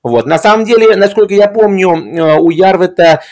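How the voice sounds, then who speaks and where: A man's voice: sits high, moderate pace, a little mellow. A man discussing film in a reflective conversational way, hesitant, with erudite and formal wording.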